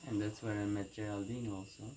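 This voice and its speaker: A man speaks in a measured, hesitant way, pausing often between phrases. The recording is outdoors and carries clear background noise. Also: fairly low pitch, little pitch movement, dark tone, low-quality recording. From Portugal, Azores. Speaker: interview guest, dancer. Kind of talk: casual interview answers. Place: outdoors in a forest.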